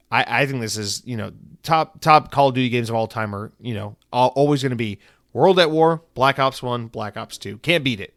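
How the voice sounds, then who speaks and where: A man in his thirties hosts a casual solo podcast, rambling and swearing loosely while sounding tired and coming down with a head cold. His medium-pitched voice has a fairly bright, smooth tone, captured in a dry, clean studio recording.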